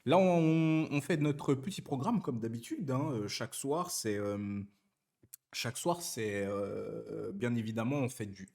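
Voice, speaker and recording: A man's voice: mid-range voice, measured pace, gravelly, a little mellow. Young man chatting on stream. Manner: chatty, joking, reads and answers chat messages, many fillers and self-corrections. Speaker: Twitch streamer. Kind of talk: casual live-stream chat with viewers.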